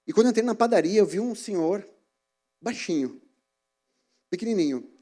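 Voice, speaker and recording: A man preaching a sermon in a church, telling stories in an animated way. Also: high voice, normal speed. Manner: animated storytelling, acting out scenes.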